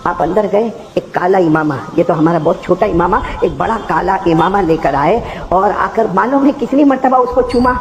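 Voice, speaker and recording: A man giving an impassioned sermon to a live gathering, swinging between shouting and hushed tones and quizzing his listeners. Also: high voice, hardly any pauses. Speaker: preacher.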